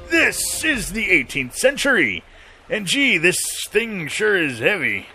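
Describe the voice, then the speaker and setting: A man's voice: fairly high pitch, sharp tone. A man playing a jovial, rascally pirate who hosts a comic podcast in a pirate voice, given to jokey rambling asides. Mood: mock salesman. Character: jovial, rascally male space pirate show host. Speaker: podcast host.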